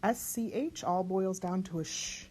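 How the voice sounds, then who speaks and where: A woman teaching lyric diction, slowly spelling out letters and sounds one by one. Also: medium pitch, a little mellow, slight background noise. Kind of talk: online diction lesson.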